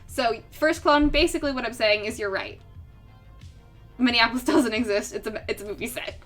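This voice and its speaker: Faint music plays behind a young woman streaming her art, her voice a little high and a bit bright at a moderate pace. She chats casually with viewers in a rambling way, full of fillers and frequent laughter.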